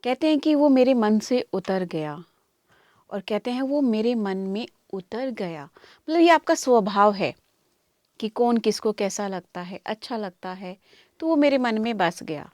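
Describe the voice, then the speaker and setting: A woman hosting a studio music show, speaking in a calm, measured way and laughing softly now and then. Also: on the high side, no room sound. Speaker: show host and anchor.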